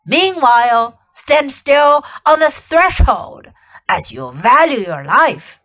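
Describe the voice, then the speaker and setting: Storybook wolf: a snarling, threatening male guard beast, put on by a woman reader, loud and growling. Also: high-pitched, big pitch swings, takes it slowly, full character voice. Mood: menacing.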